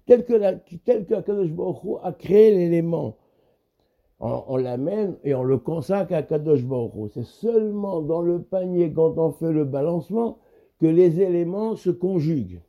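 Halting, mellow-voiced man teaching Torah. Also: sits high. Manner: halting, repeats words, searches for terms. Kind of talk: spoken Torah lesson.

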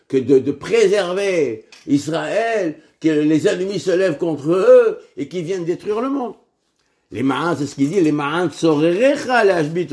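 A man teaching a Torah lesson, reading passages aloud and explaining them with halting restarts. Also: on the high side, a little mellow. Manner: halting, repeats words while explaining.

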